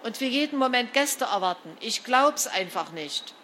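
A woman reading a storybook aloud, voicing an angry father who shouts and scolds sharply. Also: a little high, lively intonation, moderate pace, a little hiss or hum. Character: furious shouting father, middle-aged man.

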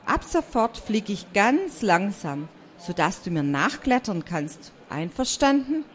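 A woman voicing a friendly, lively young male bat in a storybook read aloud, chatty and bright. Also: medium pitch, takes it slowly. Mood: apologetic. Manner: bright and chatty, sleepy when woken.

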